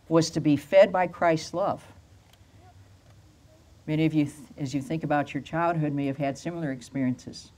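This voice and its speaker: An older woman pastor preaching a storytelling sermon outdoors at a lectern into a handheld mic, slowing down to stress key phrases. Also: sits low, darkish tone. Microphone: handheld microphone.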